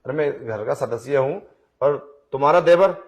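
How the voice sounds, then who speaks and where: A male voice actor performs a Hindi audio drama role as a pushy blind young man, wheedling, coaxing, and insistent. He uses a mid-range voice at a moderate pace, acted only lightly.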